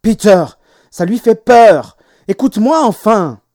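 A man's voice: a little high, fairly even intonation, normal speed, no echo, clean studio sound, lightly acted. A man voicing a stern, authoritative mother who scolds her son in a storybook reading. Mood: scolding.

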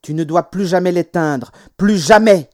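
A man's voice: sits high, measured pace, no echo, studio quality. A man voicing a stern, authoritative mother who scolds her son in a storybook reading. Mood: scolding.

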